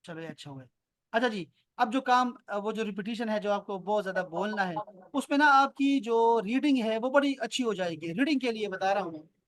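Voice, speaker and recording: Man, Pakistani Urdu accent, online Arabic teacher on a video call; patient, repeats slowly, quizzes students. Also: high voice, lively intonation, a bit bright. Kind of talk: online class lesson. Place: home near an airport.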